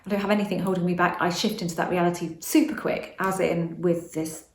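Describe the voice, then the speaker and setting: A woman's voice: lowish voice, fairly even intonation, fairly quick, roomy sound, slight background noise. A woman vlogging about manifestation in a casual, rambling monologue, often restarting and correcting herself.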